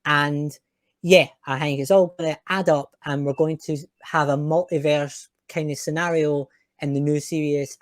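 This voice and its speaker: A man's voice: on the high side, no room sound, clean studio sound. A man hosting a podcast, chatting in an opinionated, chatty way with some fillers. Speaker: podcast host. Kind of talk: casual chat.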